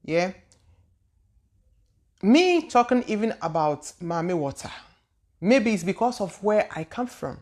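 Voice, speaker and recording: A Ghanaian woman with a medium-pitched, darkish voice runs her own channel as a spiritual teacher, casually answering viewer questions. She is very animated but slow, with long pauses. Her delivery is loose and searching, repeating words and trailing off into hesitations.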